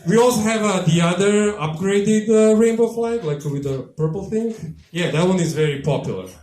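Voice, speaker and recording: Deadpan Yugoslav-accented comic. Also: male voice, sits high, moderate pace. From former Yugoslavia. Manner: deadpan, dry one-liners to a laughing crowd. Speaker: stand-up comedian. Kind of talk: live stand-up set. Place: small tavern stage, live audience. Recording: echoey live bar room.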